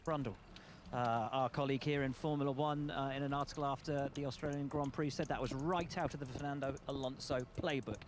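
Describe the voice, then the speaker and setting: A man, a motorsport journalist, asking brisk, direct questions at a press conference. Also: mid-range voice, fairly even intonation, a little hiss or hum.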